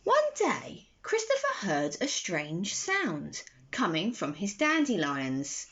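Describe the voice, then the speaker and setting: Fairly low in pitch, this young woman reads a bedtime story aloud for children, deliberate and expressive throughout. Her phone, held at arm's length in the bedroom, caught a slightly dull recording with a faint hiss or hum.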